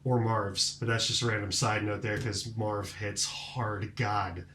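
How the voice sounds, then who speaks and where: A man's voice: lowish voice, steady tone, a little slow, sharp tone. A man hosting a podcast, recapping bouts in casual, enthusiastic chat full of fillers. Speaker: podcast host. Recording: roomy echoing room.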